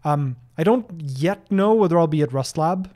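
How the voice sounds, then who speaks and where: Animated and mellow, with a voice on the high side and a moderate pace, a Norwegian man in his thirties answers viewer questions in English, his second language. He streams casually from his home office, reading questions aloud and talking with lots of ums and restarts into a desk broadcast mic held close.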